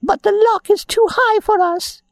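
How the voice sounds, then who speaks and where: A man voicing a small, worried girl doll in a very high, squeaky put-on voice. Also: steady tone, normal speed, no echo, studio quality.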